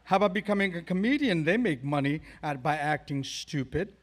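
A man voicing a blunt, deadpan male math teacher with a slow, mock-formal delivery. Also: on the high side.

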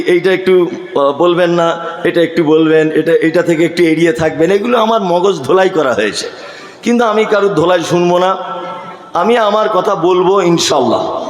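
A man preaches in a high voice that rings out through a big echoing hall. He is emphatic and keeps asking the crowd questions, then answering them himself. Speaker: Islamic preacher. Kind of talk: sermon at a religious gathering. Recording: echoey hall.

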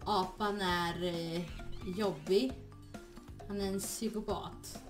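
A young woman giving excitable let's-play commentary, shrieking and laughing, dropping English exclamations into her talk. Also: lowish voice, distant mic. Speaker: gaming streamer. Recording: echoey room with game music behind.

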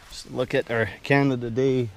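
A man's voice: medium pitch, little pitch movement, moderate pace, a little hiss or hum. A middle-aged man operating portable ham radio at an outdoor camp, talking casually and giving phonetic call signs. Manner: hesitant lead-in, phonetic spelling. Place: outdoors, tarp shelter at lakeside camp.

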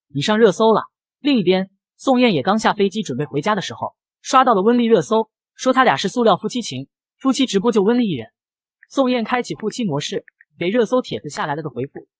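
A voice narrating a manga recap story in brisk, lively storytelling that folds in the quoted dialogue. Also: mid-range voice, no room sound.

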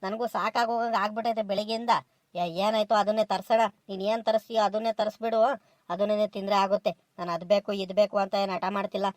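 A woman's voice: medium pitch, fairly even intonation, fast talker, no echo, clean studio sound, natural voice. A woman voicing a tired male village laborer in a comedy cartoon, pleading and defensive in a rural southern Karnataka Kannada accent. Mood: resigned. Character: weary male coconut-husking laborer making excuses.

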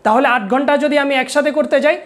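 A young woman teaching Quran reading, slowly sounding out Arabic letters and vowel marks for her students to repeat. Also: high-pitched. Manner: slow, syllable-by-syllable recitation and patient instruction.

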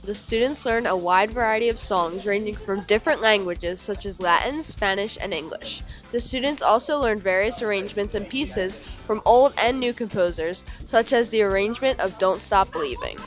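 A young woman reads a school news voice-over in an even, scripted way. Her pitch sits in the middle. Light music plays beneath. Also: moderate pace, hardly any pauses. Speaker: student news narrator. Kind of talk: scripted narration.

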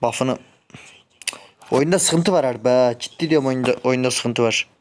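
A man's voice: mid-range voice, moderate pace. A young man streaming and commenting on his own gameplay, grumbling and swearing when things go wrong. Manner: frustrated, shouts sharply when the game goes wrong. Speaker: gaming streamer.

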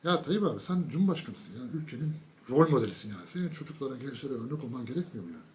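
A man giving a casual political monologue, mocking and ranting, with sudden loud bursts and low asides. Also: sing-song, rapid-fire, a little hiss or hum. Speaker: political commentator.

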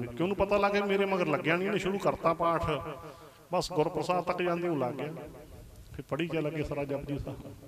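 Preacher in an echoing hall. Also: male voice, on the high side. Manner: explains with homely examples and repeated formulas; calls for congregational responses. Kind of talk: Sikh religious discourse. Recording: echoey hall.

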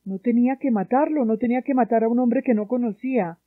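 A young soldier confesses in a quiet, halting way, voiced by a woman reading aloud. The voice sits high. The sound is thin and boxy like a phone line, with no room around it. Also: dry recording, close to an everyday voice. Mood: anguished. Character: young male soldier haunted by a killing. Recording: dry, tinny phone-like sound.

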